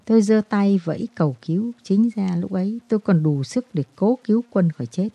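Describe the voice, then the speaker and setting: Storybook figure: broken, guilt-ridden man, halting confessions, read by a woman in a dry, dull take. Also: mid-range voice, creaky, warm tone, breathy edge, no room sound. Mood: confessional.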